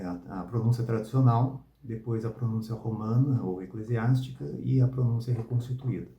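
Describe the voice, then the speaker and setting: A man teaching Latin pronunciation, explaining calmly and repeating each example word three times. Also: mid-range voice, roomy sound, highs cut off. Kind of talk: spoken lesson with repeated example words.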